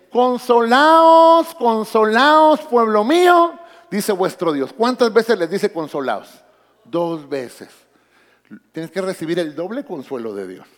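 Animated male pastor preaching in a hall. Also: on the high side. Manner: animated preaching, calls out to congregation. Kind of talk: sermon. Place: church.

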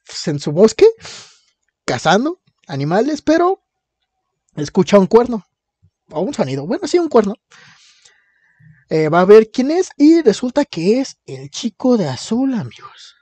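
A man's voice: high voice, sing-song, measured pace, long pauses, warm tone, no echo. A man with a Mexican accent casually recapping a comic, full of slang and laughter. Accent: Mexican Spanish. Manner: slangy, laughing plot retelling. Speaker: podcast host recapping a comic. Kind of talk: casual chat.

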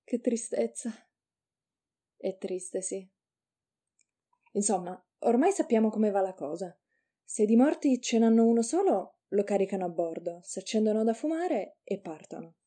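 Woman narrator reading fiction aloud; measured, unhurried delivery, very dark mellow tone. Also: medium pitch, lively intonation, breathy edge.

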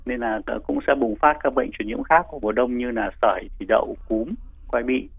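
A man giving hesitant explanations as a doctor being interviewed, pausing and repeating himself. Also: mid-range voice, vocal fry, slightly rough, phone-quality sound, faint music behind. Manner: hesitant, with frequent pauses and repeats. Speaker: doctor, infectious disease specialist guest.

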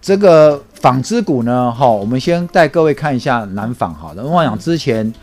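A man's voice: medium pitch, very animated, moderate pace, a little mellow, soft background music. Taiwanese Mandarin-speaking man, conversational market analyst. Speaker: stock market analyst and guest. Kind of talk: conversational stock market commentary.

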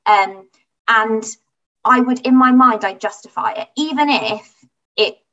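A woman's voice: fairly high pitch, unhurried, fairly bright tone, far from the mic, highs cut off. A woman, a guest in a conversational interview, speaking candidly and reflectively and voicing her past thoughts aloud.

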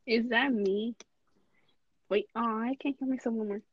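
A woman's voice: on the high side, fairly even intonation, normal speed. Flustered woman host on a dull mic. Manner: flustered, repeats "oh my god" and "hold on". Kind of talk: casual chat.

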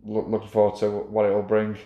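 A man's voice: fairly low pitch, monotone, a little fast, dark tone, reverberant, muffled recording. A man, chatting casually as a club official, rambling with many fillers and restarts. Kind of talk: casual chat.

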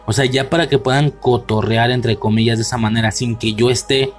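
A young man with a Mexican accent talks through a film in a loose, slangy solo commentary. His voice sits at an ordinary middle pitch, and he keeps circling back to correct himself. Faint music plays under him. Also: fairly even intonation, a little fast. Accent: Mexican Spanish. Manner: rambling, slangy, self-correcting. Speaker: podcast host reviewing a film.

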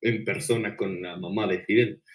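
A man's voice: fairly low pitch, fairly even intonation, moderate pace. A young man with a Mexican accent in casual chat, eagerly jumping in to tell his side of the story. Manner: eager, jumps in, laughs often.

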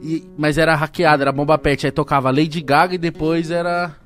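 A man's voice: fairly high pitch, fairly even intonation, fairly quick, fairly bright tone, faint music behind. A man with a São Paulo Brazilian accent, telling stories in casual, slangy, joking chat. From Osasco, São Paulo state, Brazil.

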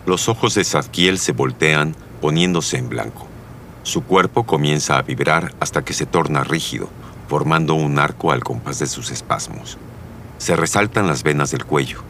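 Man, drama narrator, very deep voice, measured, solemn. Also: fairly bright tone, a little hiss or hum.

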